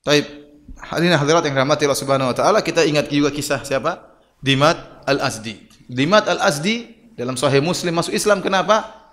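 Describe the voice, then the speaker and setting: Seorang pria berkhotbah dengan gaya bercerita, sering melempar pertanyaan retoris dan memerankan dialog. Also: male voice, a little high, fairly quick, fairly bright tone. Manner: storytelling with rhetorical questions, acting out quoted dialogue. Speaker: preacher. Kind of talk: sermon. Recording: long hall reverb.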